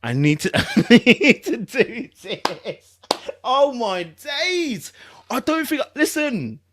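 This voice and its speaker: A podcast host with an urban London accent and slangy, informal speech comments animatedly on a celebrity breakup statement, sounding exasperated and incredulous and repeating phrases for emphasis. Her mid-range voice is fairly bright, sing-song and slow.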